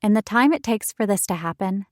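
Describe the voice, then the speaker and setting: A woman reading a first-person romance audiobook in an expressive, wry storytelling manner, recorded close on a studio mic. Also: mid-range voice, fairly quick, no room sound. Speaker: audiobook narrator.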